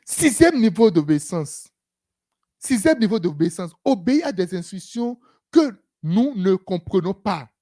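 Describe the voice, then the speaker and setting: Preacher, sermon, animated pitch, husky voice, frequent hallelujahs. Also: a little slow. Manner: animated, repeats "Alléluia", acts out dialogues.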